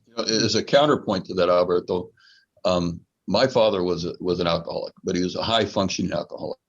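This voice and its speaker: Deep, gravelly man on dull audio. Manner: measured and thoughtful. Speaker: podcast co-speaker. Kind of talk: reflective podcast conversation.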